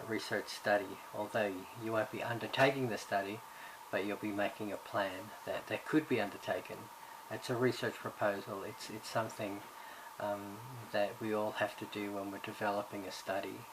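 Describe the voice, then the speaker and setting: A man from Ireland who grew up in Australia gives a recorded course introduction as subject coordinator. His voice sits on the low side, and he speaks hesitantly, with many fillers and restarts. Background noise is audible in the recording.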